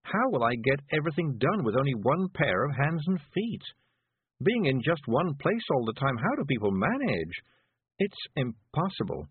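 A man's voice: medium pitch, sing-song, normal speed, husky, dry recording, voice pushed up. A man voicing a dazed, weary older woman witch who speaks faintly and dreamily. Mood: dreamy. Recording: dry tinny phone-like sound.

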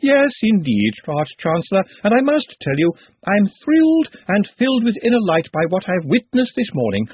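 A man voicing a reedy, excitable male music professor who talks in lofty, flowery phrases. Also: high voice, moderate pace, breathy edge, no echo, voice pushed up, full character voice. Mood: eager. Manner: lofty and flowery, vibrating with eagerness. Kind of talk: audiobook character voice. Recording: tinny lo-fi dry recording.

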